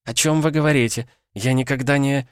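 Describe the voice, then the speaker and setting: A man's voice: medium pitch, little pitch movement, quick pace, no echo, clean studio sound, voice pushed up, natural voice. A man voicing a polite, puzzled young woman in an audiobook, speaking in a raised, bewildered tone. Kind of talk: audiobook character voice.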